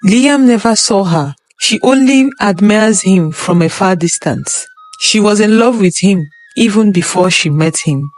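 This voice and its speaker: A woman's voice: medium pitch, animated, unhurried, darkish tone, low-quality recording. Woman telling a folktale over music. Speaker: storyteller. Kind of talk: storytelling narration.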